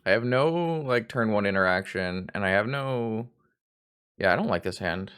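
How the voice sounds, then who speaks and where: Hungover man streaming, low-voiced. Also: lively intonation, moderate pace, fairly bright tone, clear, resonant tone. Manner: self-deprecating, rambling, sweary. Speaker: game streamer. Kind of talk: live card game stream commentary.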